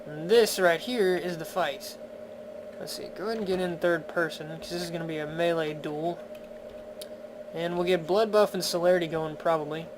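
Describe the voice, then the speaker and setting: A man's voice: a little high, fairly even intonation, normal speed, background noise. A man giving casual let's-play commentary in a chatty, playful, wry way. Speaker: video game commentator. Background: game music.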